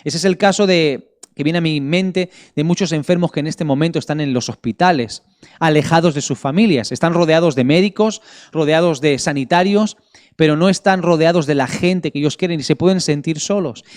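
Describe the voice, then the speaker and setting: With a fairly high pitch, a middle-aged pastor from Barcelona delivers an online sermon of prayer and scripture reading. His accent is Spanish from Spain, and his earnest, measured delivery pauses for emphasis.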